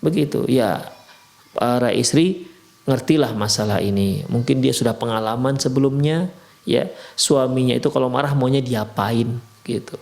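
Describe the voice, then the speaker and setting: A man with a Medan Indonesian accent giving an Islamic marriage lecture in a mosque, lively and conversational, briefly acting out husband and wife and explaining Arabic texts. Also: medium pitch, normal speed, vocal fry.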